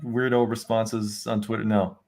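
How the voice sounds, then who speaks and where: A man's voice: on the low side, level tone, normal speed, darkish tone. A man co-hosting a casual livestream who jokes and teases his friends. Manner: joking, teasing, wry. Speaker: podcast co-host.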